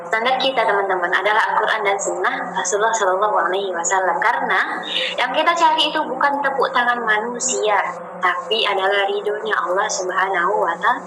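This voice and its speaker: A woman teaching an informal Islamic study session in a gentle way, often repeating phrases and speaking directly to her listeners as friends. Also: medium pitch, noisy background. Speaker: ustadzah leading a religious study session. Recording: roomy sound with music playing behind.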